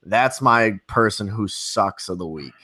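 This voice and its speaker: A man's voice: fairly low pitch, lively intonation, a little slow, bright, forceful tone. A man co-hosting a casual podcast, blunt and emphatic, swearing freely. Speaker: podcast co-host.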